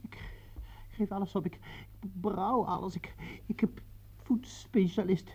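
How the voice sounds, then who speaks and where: An actor in a radio play voicing an exhausted, defeated former foot specialist who stammers and pleads. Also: male voice, high voice, steady tone, measured pace, mellow, breathy edge, full character voice. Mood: pleading. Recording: dull lo-fi old radio recording.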